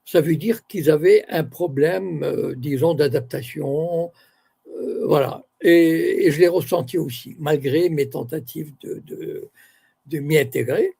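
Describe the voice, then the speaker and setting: This is a reflective interview with an older man from Morocco who works as an author and university academic. His husky, gravelly voice has a mellow darkness and sits a bit high for a male. He speaks with care, hunting for words and revising himself mid-thought.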